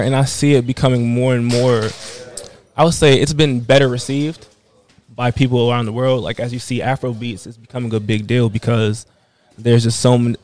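A man's voice: mid-range voice, darkish tone. A young man from the Washington DC area, a fashion designer, talking easygoing with lots of "you know". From Washington DC area, United States. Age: young adult. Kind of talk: casual interview answers.

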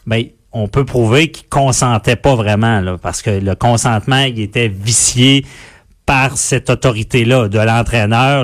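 A man with a Quebec French accent, a legal guest on a news interview, explaining points of law in a halting way and stumbling over his words. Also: mid-range voice.

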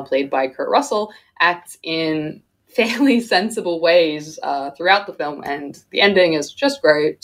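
A woman co-hosting a radio show in casual chat, talkative and laughing often, with many fillers. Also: low voice.

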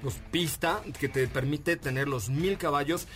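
Faint music plays behind a radio car show host whose pitch is fairly high and tone fairly bright, with a measured pace. His Mexican Spanish accent comes through as he jokes around with slang and lots of fillers in an enthusiastic, casual chat.

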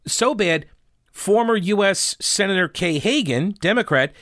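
Male podcast host, slightly harsh hoarse voice, informal, opinionated monologue, dry close studio sound. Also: high-pitched, expressive, a little slow, fairly bright tone, no room sound. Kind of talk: conversational talk show monologue.

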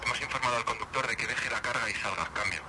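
An actor playing a security guard, reporting in clipped radio protocol over a walkie-talkie. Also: male voice, medium pitch, racing, pushed and bright, slight background noise, poor audio.

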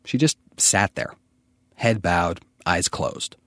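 A man's voice: low voice, takes it slowly, sharp tone, no echo. A man narrating a scripted radio feature as a reporter.

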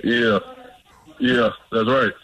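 A young man speaking over the phone as a guest in an interview, giving relaxed, brief answers and often repeating words. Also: medium pitch, drawn-out words. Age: young adult. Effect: heard over a phone line. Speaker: football draft prospect guest. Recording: noisy phone line from afar.

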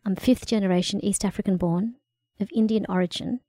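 A woman's voice: medium pitch, steady tone, fairly quick, mellow, no room sound. A middle-aged woman with a country Victorian Australian accent, answering interview questions in an articulate, wry way. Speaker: guest, cross-cultural consultant.

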